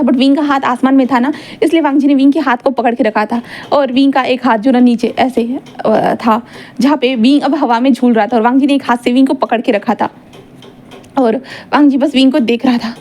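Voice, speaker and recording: A woman's voice: high voice, fairly even intonation, brisk, warm tone. A woman casually retelling a fan fiction story, chatty and mixing English words into her narration.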